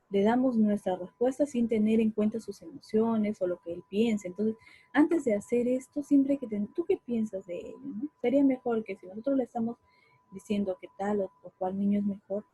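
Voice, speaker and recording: A woman's voice: medium pitch, mellow, breathy edge, no room sound, poor audio. A woman giving an informal talk on communication in the family, often tagging her sentences with a questioning "right?" and acting out what parents say to children. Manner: frequent tag questions and fillers; acts out parents' remarks to children.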